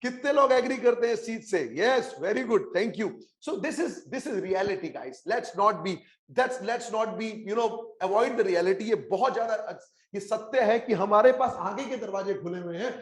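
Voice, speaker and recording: A man's voice: high-pitched, animated, slow. A man with an Indian English accent teaching a live online class, mixing Hindi and English and urging students to reply in the chat. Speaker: online exam coaching teacher.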